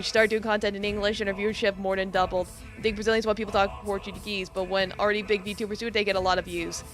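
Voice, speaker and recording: During a gaming livestream, this VTuber rambles and giggles with her viewers, peppering her talk with fillers. Her voice sits at medium pitch, pushed and bright.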